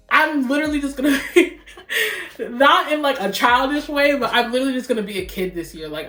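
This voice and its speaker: A woman's voice: mid-range voice, sharp tone. A young woman vlogging casually to camera, playful and sing-songy, breaking into little chants. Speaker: YouTube vlogger. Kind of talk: casual vlog chat to camera. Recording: roomy echoey room.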